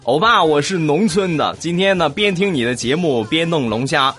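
A man's voice: on the high side, animated, normal speed, a bit bright, faint music behind. A man hosting a comedic podcast, reading listener comments with teasing jokes and frequent laughter. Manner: jokey, laughs often, teasing asides. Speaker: podcast host.

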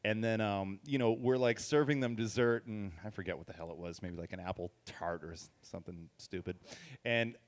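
A man with a slightly low voice rambles through a story on a casual podcast. He keeps filling his sentences with "you know" and "like" as he goes. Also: brisk. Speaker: podcast co-host.

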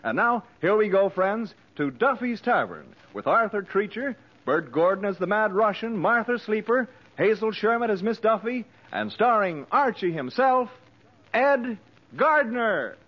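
A man with a high, lively voice reads the opening of an old radio broadcast in a formal, punchy announcer style. The sound is a dull, lo-fi 1940s radio transcription. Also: unhurried. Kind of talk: scripted sponsor and cast announcement.

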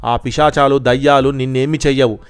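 A man voicing a sly, confident male sorcerer in a children's storybook tale, speaking calmly and persuasively in a smooth voice. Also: mid-range voice, fairly quick, faint music behind, lightly acted.

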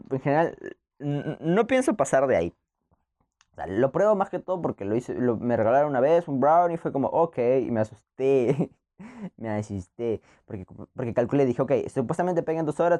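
Young male podcast host, casual laughing monologue, animated and warm. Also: mid-range voice. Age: young adult. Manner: rambling, laughs often, many restarts.

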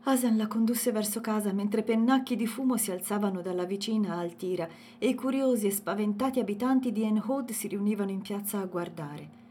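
A woman narrating an audiobook in a measured, expressive reading. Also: medium pitch, slight background noise.

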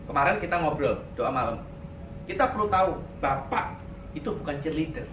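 A male pastor giving a lively sermon in a church, sprinkling in English words and acting out quotes. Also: a little high, normal speed. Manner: animated, mixes in English words, acts out quotes. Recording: echoey room, distant mic, faint noise.

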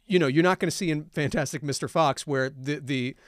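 A man's voice: a little high, fairly quick, no echo, clean studio sound. A man co-hosting a podcast, talking in a rambling, hedging way with many fillers. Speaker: podcast co-host. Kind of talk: casual podcast chat.

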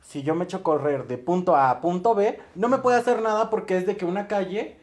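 A man's voice: high voice, fairly quick. A young Mexican man with a Mexican accent telling a story in casual chat, acting out quotes, laughing often and full of slang.

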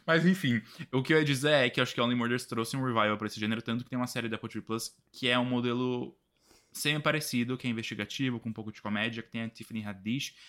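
Bright-voiced Brazilian podcast co-host. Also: male voice, medium pitch, steady tone, rapid-fire. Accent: Brazilian Portuguese. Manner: chatty, laughs often. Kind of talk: casual chat.

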